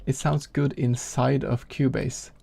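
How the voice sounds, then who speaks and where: Norwegian man with a gravelly voice. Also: mid-range voice, level tone, unhurried, mellow, slight background noise. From Norway. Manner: rambling, self-deprecating, thinking aloud. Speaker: game developer streamer. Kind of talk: casual live-stream chat. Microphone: gifted home studio microphone.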